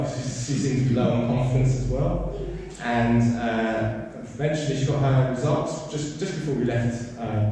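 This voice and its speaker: A man giving a missionary report to an audience. His voice is mid-pitched and hesitant, full of ums and restarts. He is heard from well back in a large hall with a long, booming echo. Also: warm tone. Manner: hesitant, many fillers and restarts. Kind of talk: informal spoken report to a gathering. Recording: echoey hall, mic far off, faint noise.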